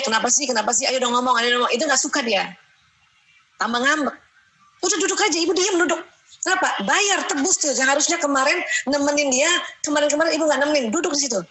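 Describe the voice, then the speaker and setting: A middle-aged woman with an Indonesian accent lectures on parenting in a religious talk, chatty and lively, often acting out what mothers say. Her voice is bright and somewhat high. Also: rough recording. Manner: chatty, acts out mothers' voices, frequent "ya" checks.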